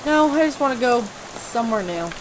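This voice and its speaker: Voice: medium pitch, lively intonation, normal speed, natural voice. A gamer voicing a listless young hitchhiker woman. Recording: rain noise behind.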